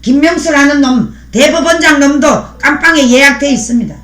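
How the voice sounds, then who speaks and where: A woman's voice: high-pitched, normal speed, fairly bright tone. Fiery woman streamer in an echoey room. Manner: fiery and preachy, thanking viewers by name. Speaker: livestream host. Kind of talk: live-stream commentary reading viewer comments.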